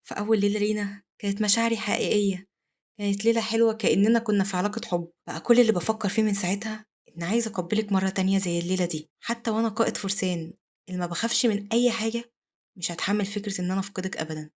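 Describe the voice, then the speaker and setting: A woman voicing a brooding male pirate duke in her Egyptian Arabic accent, with quick, flat delivery. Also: medium pitch, natural voice.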